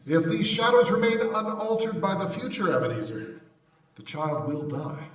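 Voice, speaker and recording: A man's voice: high voice, moderate pace, lightly acted. Man playing a solemn, echoing Christmas ghost. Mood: grave, prophetic. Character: solemn, foreboding Ghost of Christmas Present, aging spirit. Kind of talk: old-time radio drama acting. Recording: echo effect, distant, music underneath.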